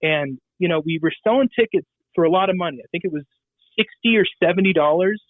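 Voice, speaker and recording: A man's voice: high voice, fast talker, no room sound. Man on a tinny phone line. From Southern California. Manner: loose, rambling, crude humor with many fillers. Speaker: guest. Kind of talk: casual radio interview.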